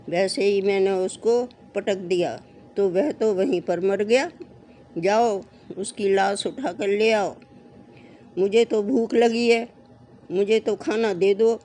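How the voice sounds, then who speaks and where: A storyteller voicing a scheming male servant who speaks plainly and bluntly, a little louder than the narration. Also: mid-range voice, slow, lightly acted.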